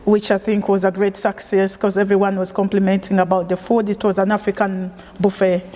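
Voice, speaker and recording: A woman's voice: medium pitch, fairly quick, big-room sound. A woman chef originally from Uganda, talking in an easygoing, conversational way with plenty of fillers during an oral history interview. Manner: relaxed, conversational with frequent fillers.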